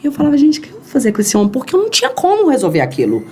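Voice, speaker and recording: Racing through a long story as a podcast guest, a woman from Brazil speaks in a high voice, animated and acting out the quoted voices in the interview. Slight background noise can be heard.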